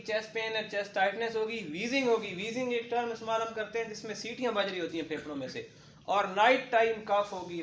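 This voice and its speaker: A man's voice: sits high, fairly bright tone, echoey room, slight background noise. A man giving a medical lecture to paramedic trainees, explaining through lists and patient examples.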